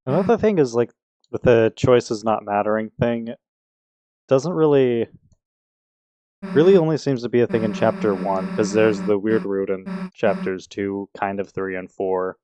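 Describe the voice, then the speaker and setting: A man's voice: lowish voice, unhurried, warm tone, a little hiss or hum. A man casually commenting while playing a video game, talking in a rambling, hesitant way with many restarts.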